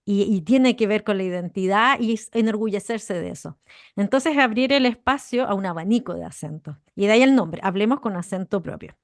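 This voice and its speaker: A woman co-hosting a podcast, explaining ideas in an animated conversational way and stressing key words. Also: medium pitch, fairly quick, no room sound, clean studio sound. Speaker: podcast co-host.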